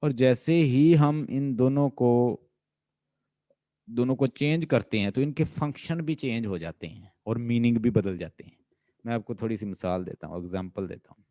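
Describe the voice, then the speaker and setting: A man's voice: mid-range voice, normal speed, warm tone, no echo. A man with a Pakistani accent lecturing as a linguistics teacher, who keeps quizzing his students with repeated questions. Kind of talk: classroom lecture mixing Urdu and English.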